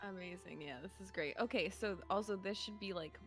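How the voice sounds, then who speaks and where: A woman plays in a tabletop game, chatting casually with a bright voice. She is giggly and exclaims often, with faint music behind. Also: medium pitch, a little fast. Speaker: player.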